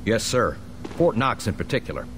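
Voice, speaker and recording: An actor playing an eager, respectful American soldier in a video game, chatty and deferential. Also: male voice, on the low side, very animated, normal speed, a bit bright, a little hiss or hum. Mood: earnest, upbeat. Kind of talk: video game cutscene acting.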